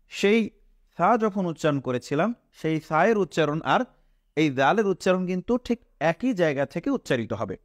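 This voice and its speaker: Bangladeshi guy teaching quran letters, bit high voice, slow patient repeats every sound, dry close sound. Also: no echo. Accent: Bangladeshi Bengali. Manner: asks the class questions and answers them himself. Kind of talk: step-by-step pronunciation lesson.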